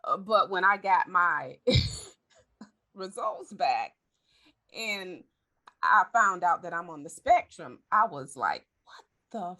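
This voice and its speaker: Lowish, bright and forceful, her voice has lively intonation but a slow pace with frequent pauses. This woman in her forties hosts a podcast, talking candidly and chattily in casual conversation and correcting herself as she goes.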